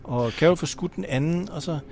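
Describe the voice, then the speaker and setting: A man's voice: a little high, a little mellow. A man co-hosting a casual podcast, often agreeing with short replies and adding details to the recap. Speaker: podcast co-host. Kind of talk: casual chat.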